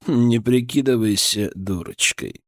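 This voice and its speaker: A man's voice: mid-range voice, measured pace, no room sound, studio quality, lightly acted. A man reading an audiobook and voicing a cocky young thug posing as a police sergeant, with lazy, slangy, drawling menace. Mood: menacing. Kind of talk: audiobook character voice.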